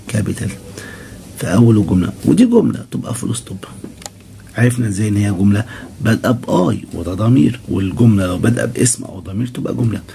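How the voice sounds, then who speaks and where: A man with an Egyptian Arabic accent teaching children English vocabulary, saying each word slowly several times and then explaining it. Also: on the low side, creaky, mellow, a little hiss or hum.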